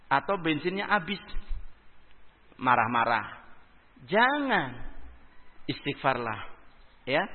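A man preaches a religious lecture, his fairly high voice swinging from loud emphasis to soft asides and weaving in Arabic phrases. The sound is thin and tinny, like a phone line, and a long hall reverb trails after each phrase. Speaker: Islamic preacher.

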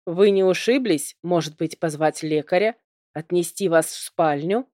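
A woman's voice: on the low side, moderate pace, a little mellow, dry recording, studio quality, natural voice. A woman reading an audiobook, voicing a kind, clingy young prince who fusses and coos. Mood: cooing. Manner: fussy, cooing.

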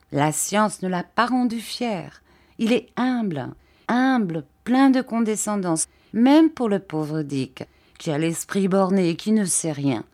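A woman reading an audiobook, voicing a kindly, simple-minded older gentleman who talks in earnest, halting phrases. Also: mid-range voice, natural voice.

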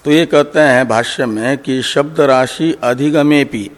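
Male Vedanta teacher, slow and deliberate explanation, long hall reverb. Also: medium pitch. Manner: slow, deliberate, recites Sanskrit then explains. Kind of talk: scriptural commentary lecture.

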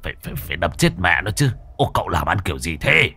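A man's voice: low voice, very animated, fast, creaky, pushed and bright, breathy edge, voice pushed down, heavily acted. A man voicing a blustering, hot-tempered exorcist who stammers when he is indignant. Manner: agitated, stammering.

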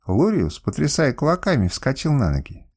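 A man narrating an audiobook in the first person with a measured, expressive reading. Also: medium pitch, slightly rough.

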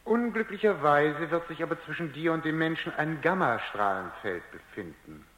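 In a German radio drama, an actor voices a defensive male scientist who is condescending and patronising, turning testy under questioning and stammering when flustered, with an instructive, talking-down mood. His voice is fairly high, expressive and fairly bright, at a moderate pace. The recording is echoey and reverberant.

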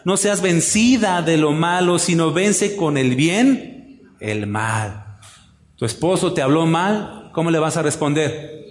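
Male pastor, lively sermon, fairly high voice, echoey hall reverb. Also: slow pace. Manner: animated, rhetorical questions, acts out wives' voices. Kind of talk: sermon to women of the church.

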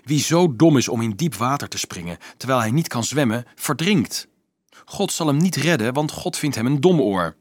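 A man's voice: medium pitch, expressive, moderate pace, no room sound, close to an everyday voice. A man voicing an earnest, stubborn young boy in an audiobook, speaking urgently. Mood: insistent.

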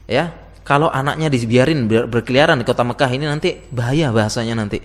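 A man's voice: medium pitch, fast. A man giving a chatty lecture to teachers, asking his audience questions and laughing often. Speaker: teacher giving a talk to Islamic school teachers. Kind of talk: casual lecture. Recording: long hall reverb.

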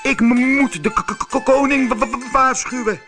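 A man's voice: extremely high pitch, brisk, creaky, sharp tone, soft background music, voice pushed up, full character voice. A man voicing a shy young male toy jester who stutters heavily in a storybook reading. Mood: frightened. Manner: heavy stutter, repeats sounds.

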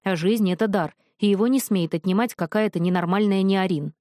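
A woman's voice: medium pitch, brisk, mellow, no echo, studio quality, close to an everyday voice. A woman voicing an earnest young man, a loyal twin brother who speaks from the heart.

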